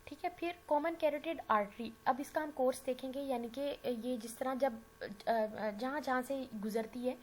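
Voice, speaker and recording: Hoarse woman lecturing on anatomy. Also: high-pitched, moderate pace, poor audio. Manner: explanatory, often checks in with "theek hai"; mixes in English anatomy terms. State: sore throat. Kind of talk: recorded classroom lecture. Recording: faint background noise.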